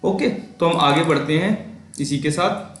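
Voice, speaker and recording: A man teaching English grammar in a casual, explaining way, with an Indian accent, often checking in with "okay?" and reading English examples slowly. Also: a little high, fairly bright tone, echoey room.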